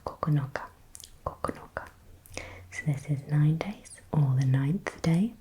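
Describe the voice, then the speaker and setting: A woman whispering softly in ASMR style, slowly repeating words and thinking aloud as she guesses. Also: sits low, noisy background. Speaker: ASMR creator.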